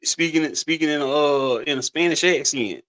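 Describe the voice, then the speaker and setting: A man's voice: a little high, normal speed, a bit bright. A middle-aged man co-hosting a podcast in casual chat, rambling and laid-back, often restarting his sentences. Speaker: podcast co-host.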